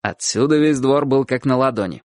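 A man narrating a storybook in a lively, expressive reading voice. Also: mid-range voice, normal speed, no room sound, clean studio sound.

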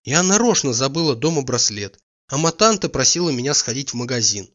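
A man's voice: medium pitch, a little fast, close to an everyday voice. A man voicing a playful, teasing young woman in a read-aloud story. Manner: lively, teasing, carefree. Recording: dull lo-fi recording.

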